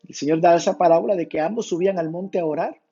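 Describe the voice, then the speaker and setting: A man's voice: sits high, quick pace, warm tone, slightly rough. A man preaching an earnest devotional reflection, retelling Bible passages with quoted lines. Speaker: pastor. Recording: dull lo-fi sound with faint music.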